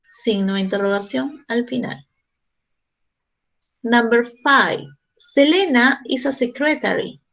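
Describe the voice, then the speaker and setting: A woman English teacher giving a classroom grammar lesson, walking through each step slowly and deliberately. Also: fairly high pitch, vocal fry, a bit bright, rough recording.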